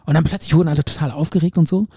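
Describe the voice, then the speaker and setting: A man's voice: on the high side, rapid-fire, husky, no echo, clean studio sound. A man casually telling a long story on a podcast, rambling and acting out the quotes. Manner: animated, rambling, acts out quotes. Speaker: podcast co-host.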